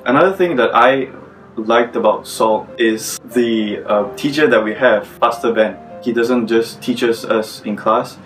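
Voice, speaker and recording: A man's voice: mid-range voice, unhurried, distant mic, soft background music, low-quality recording. A man from Malaysia, earnestly reflecting as he gives a personal testimony. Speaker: former student giving testimony.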